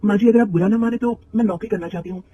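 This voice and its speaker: A polite, sensible young wife from a cartoon story, as a man puts her on. She speaks with a lifted pitch, gently and a little hesitantly. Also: rapid-fire, no echo, dull audio.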